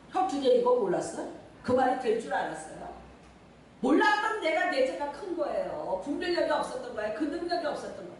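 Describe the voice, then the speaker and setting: Animated woman pastor in echoey church. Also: high-pitched, a little hiss or hum. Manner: lively, acts out scenes, talks directly to the congregation. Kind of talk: sermon. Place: church sanctuary. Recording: echoey church room, mic at a distance.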